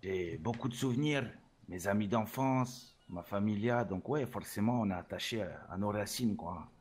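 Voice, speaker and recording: A man's voice: on the low side, moderate pace, darkish tone, slightly rough. A man playing a swaggering Salvadoran rap label boss in a role-play interview, boastful and sprinkling Spanish words into his talk. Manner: boastful, peppers speech with Spanish words and 'hein'.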